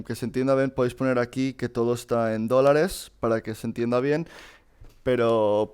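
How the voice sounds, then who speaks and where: A man's voice: mid-range voice, a little mellow, smooth. Guy walking students through an exam, chatty, lots of "eh" and restarts, clean voice. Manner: informal, addresses students directly, frequent fillers and restarts. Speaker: teacher solving a past exam. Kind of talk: casual screen-recorded lesson.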